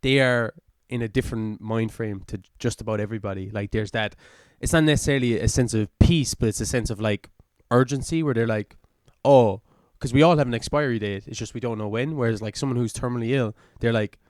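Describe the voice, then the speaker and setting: Podcast guy thinking out loud, lots of likes, smooth voice, dry close sound. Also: medium pitch, brisk, few pauses, no echo. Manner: reflective, thinks aloud with many fillers. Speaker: podcast co-host. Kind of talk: casual chat.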